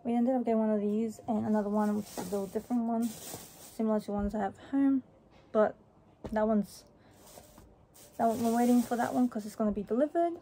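Rambling a little in a casual haul vlog, a young woman talks offhandedly from a small room. She sounds a little high, warm and steady, moving briskly. The recording is rough, with faint background noise.

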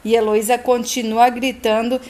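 A woman's voice: a little high, level tone, normal speed, a little mellow. A woman retelling a soap opera scene in a dramatic, emphatic way. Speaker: narrator.

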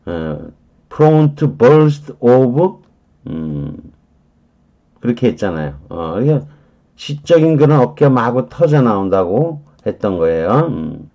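A man gives an unhurried vocabulary lesson in a mellow, dark voice. He stretches his fillers and says English phrases slowly, one word at a time. The recording sounds a little dull and lo-fi. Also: medium pitch, big pitch swings. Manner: slow explaining with many drawn-out fillers. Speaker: English teacher.

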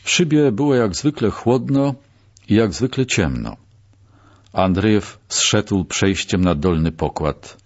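Expressive low-voiced male audiobook narrator. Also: slow, dull audio.

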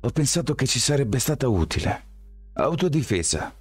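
A man's voice: mid-range voice, very animated, normal speed, husky, no echo, faint music behind, pitched above the performer's own voice. A man voicing a nervous, jumpy teenage boy who sounds defensive and unsure, in an audiobook reading.

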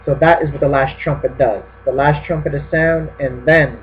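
A man's voice: a little high, fairly even intonation, normal speed. A man preaching a sermon in an explanatory way, often checking in with his listeners. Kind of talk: sermon teaching on prophecy. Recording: tinny phone-like line with mains hum.

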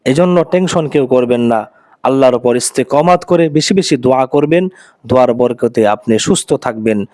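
A man's voice: medium pitch, moderate pace, a little mellow, no echo. A man presenting an Islamic devotional video, speaking to viewers in an earnest, reassuring, preacher-like way.

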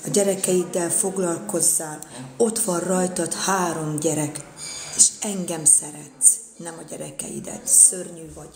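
A woman's voice: on the low side, fairly even intonation, gravelly, darkish tone, echoey room. A woman in a casual live-stream rant, indignant and repeating her phrases.

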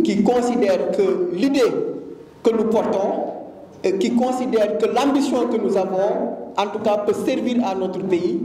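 Senegalese businessman, 40s, press-conference statement, earnest and emphatic, high dark voice, distant in a reverberant hall. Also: a little hiss or hum. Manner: earnest, emphatic, with frequent hesitations. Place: conference room. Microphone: handheld mic among a cluster of press mics.

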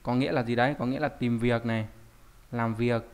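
A man teaches an online Japanese lesson in a plain, middle-pitched voice. He explains step by step and keeps checking in with rhetorical questions. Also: steady tone, a little fast, clean tone.

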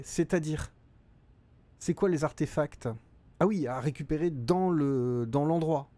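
A man's voice: on the high side, mellow. A middle-aged man streaming a game live, reading out chat and thinking aloud with frequent hesitations.

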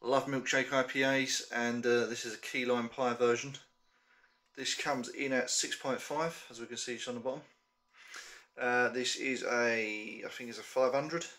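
A man's voice: mid-range voice, fairly even intonation, moderate pace, sharp tone. A young man chatting casually to camera in a small room as he reviews a beer, hesitant with frequent ums.

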